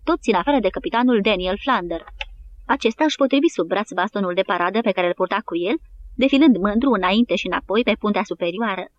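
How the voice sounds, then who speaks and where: A woman narrating an audiobook in a steady, even reading style. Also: medium pitch, lo-fi sound. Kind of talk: scripted narration.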